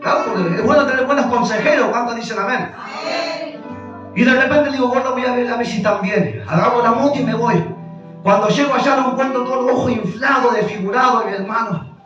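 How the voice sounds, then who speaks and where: A man's voice: very high-pitched, brisk, lo-fi sound. A male pastor with an Argentine accent preaching a fervent sermon, calling out brother and amen again and again. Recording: echoey church hall from far, music behind.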